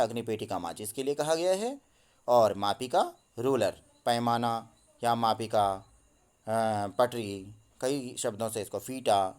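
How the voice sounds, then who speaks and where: A male teacher who reads textbook lines out loud and then explains each one, recorded on a phone. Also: mid-range voice. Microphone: phone mic.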